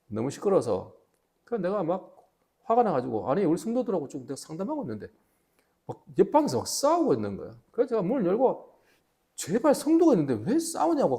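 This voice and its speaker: Gyeongsang-accent pastor guy preaching a sermon, gravelly and dark, tells it with lots of punch. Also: sits high. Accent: Gyeongsang Korean. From Gyeongsang region, South Korea. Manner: emphatic, animated storytelling preaching.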